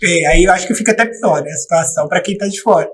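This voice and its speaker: A man, a podcast guest telling stories in animated, laughing casual chat. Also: high voice, very fast. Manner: animated storytelling, laughs often. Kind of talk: casual chat among friends. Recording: noisy recording with clicks.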